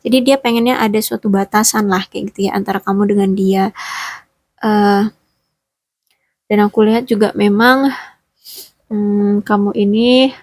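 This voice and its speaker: A woman's voice: mid-range voice, a little mellow, slightly rough, no echo. A woman giving a relationship reading straight to the listener, rambling with many fillers and self-corrections. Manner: speaks directly to the listener.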